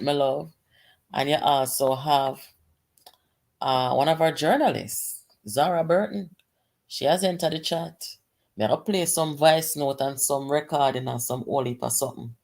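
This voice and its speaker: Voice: medium pitch, vocal fry. A vlogger with a Jamaican accent hosts a casual live political show, talking directly and conversationally to viewers and slipping into Patois. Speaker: host of a political livestream show.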